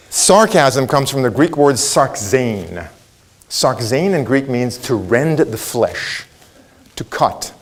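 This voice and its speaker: A middle-aged man from Israel whose first language is Hebrew, giving a motivational keynote, asking the audience questions and acting out quotes. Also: on the high side. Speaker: keynote speaker.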